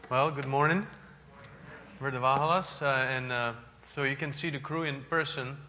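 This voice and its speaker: A man's voice: mid-range voice, normal speed, in a large hall, noisy background. A man from the Czech Republic with a Czech accent, a visiting missionary addressing a church congregation earnestly, with many fillers and restarts.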